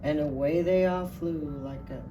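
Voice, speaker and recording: A woman playing Mrs. Claus, Santa's wife, reading a storybook aloud to children in an unhurried, expressive way. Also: low-pitched, muffled recording, background noise. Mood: merry, gentle. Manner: unhurried, expressive, addressing listeners directly. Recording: distant mic under clear music. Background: music.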